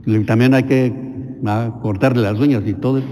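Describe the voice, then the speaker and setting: Mexican man, priest, blunt slangy homily, mellow dark voice, long chapel reverb. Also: medium pitch, fairly even intonation, a little fast. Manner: colloquial, earthy and blunt, with slang and swearing. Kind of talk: informal homily and prayers at Mass.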